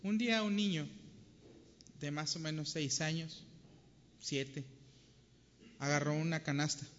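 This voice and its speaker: Earnest preacher in a reverberant hall. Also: male voice, on the high side, fairly even intonation, a little slow, fairly bright tone, a little hiss or hum. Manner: earnest, storytelling. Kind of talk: sermon. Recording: dull sound with long hall reverb.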